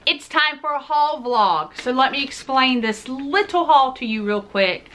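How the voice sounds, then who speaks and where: A woman's voice: sits high, lively intonation, measured pace, over music. A woman in her forties hosting a casual shopping haul vlog, chatty and jokey, talking straight to her viewers. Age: 40s. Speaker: vlog host.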